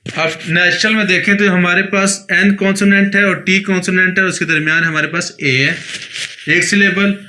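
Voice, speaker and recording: A man's voice: sits high, fairly even intonation, moderate pace, pushed and bright. A man with a Pakistani Urdu accent teaching an English grammar lesson, patiently repeating points and checking that his students follow. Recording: echoey room with faint noise.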